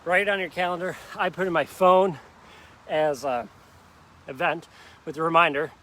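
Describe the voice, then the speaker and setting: His pitch is fairly high, his tone steady and a bit bright, and he talks at a normal speed. This fitness instructor runs a live workout in an outdoor park, encouraging the group cheerfully, doing each move himself, and joking about his slip-ups.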